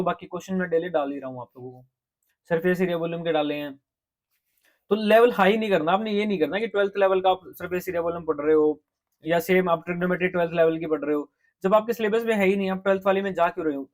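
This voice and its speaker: Fast-talking coaching teacher. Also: male voice, sits high. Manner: direct, repeats "ठीक है?" to check in. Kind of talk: casual advice lecture to students.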